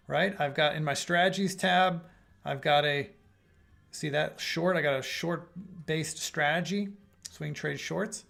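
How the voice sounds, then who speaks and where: A middle-aged man hosts a live trading room, casually working through viewer questions with a rambling, think-aloud manner full of fillers and restarts. His voice is slightly high, gravelly, and a bit bright. He is losing it somewhat and clears his throat.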